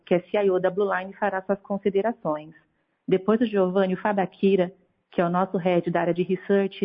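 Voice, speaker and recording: A Brazilian woman with a fairly low voice presents formally on a business call. The sound is narrow and tinny, as over a telephone. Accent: Brazilian Portuguese. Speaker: presenter opening a corporate call. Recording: narrow, tinny phone line.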